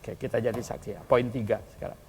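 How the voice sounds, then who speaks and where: A male pastor preaching a sermon in a colloquial style. He tells a story and often chuckles, and he swings between quiet asides and loud calls to the congregation. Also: mid-range voice, fairly even intonation, quick pace, creaky, slight background noise. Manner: colloquial, chuckles while telling stories.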